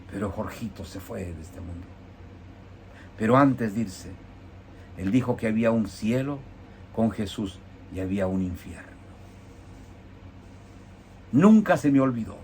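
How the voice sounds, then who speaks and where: Man preaching a hushed, emotional testimony. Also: on the low side, slight background noise. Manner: dramatic swings between hushed and emphatic. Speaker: evangelical preacher.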